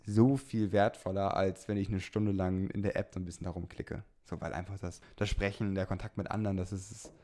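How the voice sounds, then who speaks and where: A young man with a fairly low voice who talks quickly. He co-hosts a relaxed podcast chat, asking eager questions and chiming in often. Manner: quick, curious questions and frequent backchannels. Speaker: podcast co-host. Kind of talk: casual chat.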